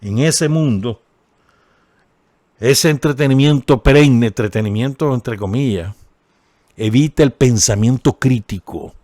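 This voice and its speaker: In a dry, studio-quality recording, a man with a darkish, mid-range voice speaks a little slowly with long pauses. He has a Nicaraguan Spanish accent and delivers radio commentary on a column, chatting with listeners, seeking their agreement and dropping ironic remarks.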